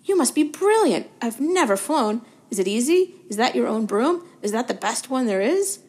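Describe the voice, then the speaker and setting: A woman's voice: on the high side, big pitch swings, moderate pace, a little mellow, pitched above the performer's own voice. A woman putting on a piping, eager young schoolboy. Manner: breathless, gushing questions.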